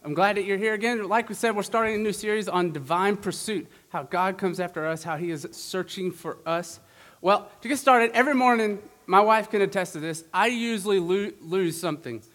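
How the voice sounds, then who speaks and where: Male preacher, high voice, casual self-mocking storyteller, hall reverb. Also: a little fast, a bit bright. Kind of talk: sermon.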